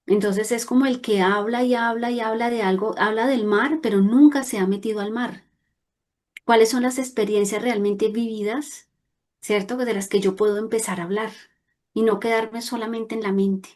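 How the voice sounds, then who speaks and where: Woman host, higher voice, earnest growth talk, emphatic. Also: fairly even intonation, moderate pace, darkish tone. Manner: earnest, emphatic, at times raising her voice for stress. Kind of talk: reflective conversational talk.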